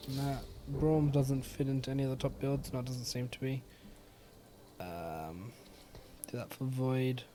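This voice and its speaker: A young man from Australia giving casual gameplay commentary in a relaxed, rambling way, with many "um"s and yawns. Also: mid-range voice, measured pace, a little hiss or hum. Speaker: gaming YouTuber.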